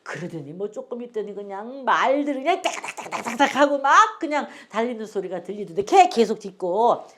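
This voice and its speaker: Older woman, phonics teacher, patient and repetitive, chatty asides, fairly high voice. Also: big pitch swings, moderate pace, few pauses, fairly bright tone. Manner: patient, repeats words for learners to echo; chatty, drifts into homely stories. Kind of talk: phonics lesson.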